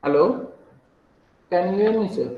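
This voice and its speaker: A man's voice: high-pitched, measured pace. A hesitant, deferential male student being examined over a video call, his voice dropping out as the call breaks up. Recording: lo-fi echoey call line, faint noise.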